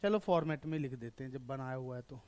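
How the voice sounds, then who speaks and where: A man's voice: medium pitch, fast, a little mellow. A man teaching an online accountancy class. He keeps asking his students questions, answers them himself, and keeps checking that they have understood.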